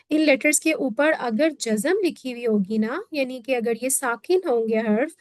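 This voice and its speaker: A woman from Pakistan teaches a recitation class, going over each point again and checking the students understand. Her voice sits high. The recording is dry, with no room echo. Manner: patient, repeats points and checks with "theek hai". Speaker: Quran teacher. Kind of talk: classroom lesson on Quran recitation.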